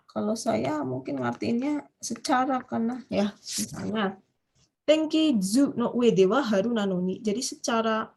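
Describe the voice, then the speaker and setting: A woman's voice: fairly high pitch, a little mellow. A woman with an Indonesian accent teaching a Japanese grammar class online, explaining step by step and often putting questions to her students.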